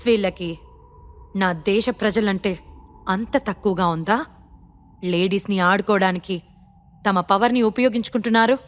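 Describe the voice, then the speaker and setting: A woman voicing a quiet, furious male hero who speaks low and seriously in a storybook audio drama. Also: moderate pace, pauses often, lightly acted. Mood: grim anger.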